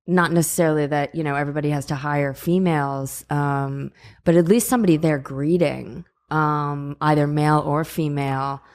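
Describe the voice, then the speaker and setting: Female podcast guest, very low pitch, hesitant and casual. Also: steady tone, normal speed, a little mellow. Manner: hesitant, many ums and you-knows. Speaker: guest, in-house writer. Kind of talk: casual chat.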